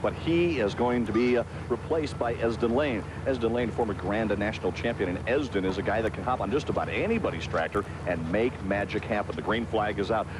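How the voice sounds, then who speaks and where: A man's voice: fairly low pitch, brisk, few pauses. A man working as a tractor pull announcer and TV host, commentating in a folksy, showman-like sportscaster style. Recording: loud engine and outdoor vehicle noise. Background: roaring vehicles outdoors.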